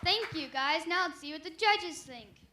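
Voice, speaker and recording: High-voiced young woman hosting a skit. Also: animated, moderate pace, very noisy. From Nevada. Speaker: talent show host in skit. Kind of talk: student stage skit.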